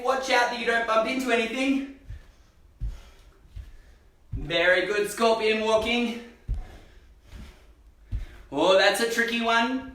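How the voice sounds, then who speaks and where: High bright-voiced guy coaching kids, slow and cheery, booming echo, far from the mic. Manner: upbeat, encouraging, cheering children on. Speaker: gymnastics coach. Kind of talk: kids' movement class, live stream. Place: gym hall. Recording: roomy echo, distant from mic.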